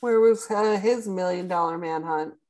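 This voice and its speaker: A woman podcast co-host in casual chat who asks quick, blunt questions. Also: on the low side, darkish tone.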